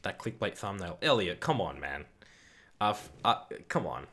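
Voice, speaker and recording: A man with a fairly low voice hosts a live football watch-along stream. He talks casually, answers viewers' comments and reacts loudly to the play. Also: sing-song, normal speed.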